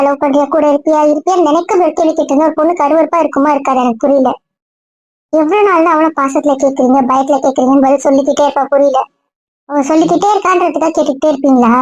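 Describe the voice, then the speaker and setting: A woman's voice: high voice, fairly even intonation, quick pace, darkish tone, no echo, highs cut off, close to an everyday voice. A woman voicing a blunt, protective young friend who scolds in a stream of rhetorical questions. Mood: scolding. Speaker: outspoken friend. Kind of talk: Tamil audio drama acting.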